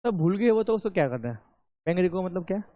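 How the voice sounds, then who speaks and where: A man's voice: high voice, lively intonation, fast, no echo, muffled recording. A man with an Indian accent teaching an online accountancy class, chatty and coaxing his students to reply.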